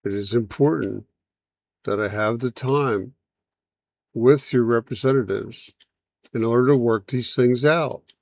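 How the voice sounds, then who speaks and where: Calm, formal alien envoy, male, slow and dry, a man reading him in his own voice. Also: medium pitch, vocal fry, dry recording. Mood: calm, solemn. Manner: measured, formal, unhurried speech.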